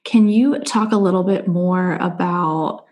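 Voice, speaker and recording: A woman's voice: lowish voice, unhurried, a little mellow. A woman hosting a faith-based podcast interview, talking in an earnest, reflective way. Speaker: podcast host.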